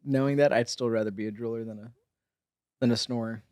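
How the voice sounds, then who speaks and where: A man's voice: medium pitch, fairly even intonation, brisk, a little mellow, smooth, dry recording, studio quality. A man co-hosting a podcast in casual chat, laid-back and rambling as he tells stories. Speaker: podcast co-host.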